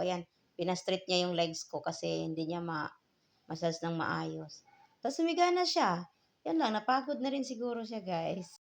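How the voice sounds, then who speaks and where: A woman's voice: lowish voice, gravelly, far from the mic. Woman, playful vlogger, baby-talk to her cat, echoey room, a bit off-mic. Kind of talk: casual vlog chat with her cat. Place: indoors at home, in a bedroom.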